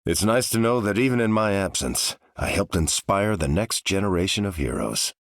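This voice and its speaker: Captain America, deep and earnest super-soldier. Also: male voice, expressive, normal speed, no room sound, studio quality. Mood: steady, earnest. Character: noble, steadfast veteran male super-soldier leading his team. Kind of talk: video game character voice lines.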